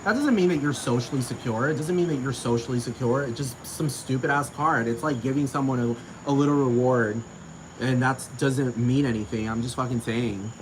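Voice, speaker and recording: A man's voice: medium pitch, brisk, noisy background. A man ranting to camera in a casual, profane, heated way, repeating himself.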